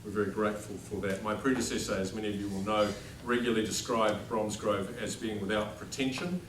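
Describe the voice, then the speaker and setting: Speaking fairly quickly in a lowish, level, slightly bright voice, a middle-aged headmaster with a New Zealand accent addresses a formal dinner without a mic. He pokes fun at himself with dry humor. The recording, made from across the large hall, is distant, echoey, and noisy.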